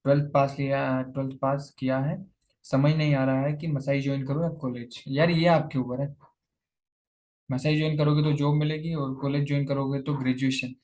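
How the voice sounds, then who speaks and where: A man's voice: medium pitch, flat delivery, moderate pace, a little mellow. A young man chatting casually on a lavalier mic, answering viewer questions and calling his listeners "brother" and "buddy". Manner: informal, addresses viewers as "bhai" and "yaar". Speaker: YouTuber answering viewer comments. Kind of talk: casual chat.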